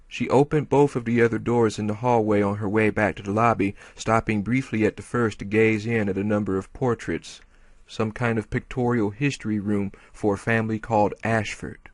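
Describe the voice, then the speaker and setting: Male audiobook reader, low register, dry recording with soft music. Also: no room sound. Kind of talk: audiobook narration.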